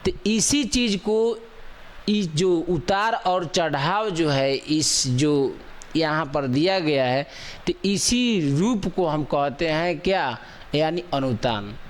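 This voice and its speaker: A man's voice: a little high, slow. A man teaching a grammar lesson, repeating example sentences over and over with rising and falling intonation to show the difference. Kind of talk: Hindi grammar lecture.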